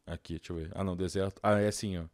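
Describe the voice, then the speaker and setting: This young Brazilian host rattles off very fast gameplay commentary in a low, mellow voice with fairly even intonation. He's informal and slangy, reasoning out loud as he plays, and there is no room sound.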